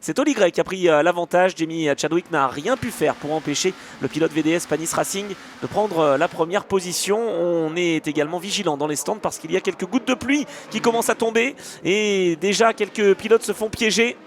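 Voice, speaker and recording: A man giving live motorsport race commentary in a hesitant, excitable way. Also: high voice, brisk. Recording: clear engine and trackside noise behind.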